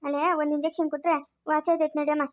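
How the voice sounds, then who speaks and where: Fast-talking high-voiced woman playing a mother. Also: level tone, a little mellow, no echo, dull audio. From Karnataka, India. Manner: scolding, coaxing, quick. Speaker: mother in a family drama. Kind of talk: family moral drama acting.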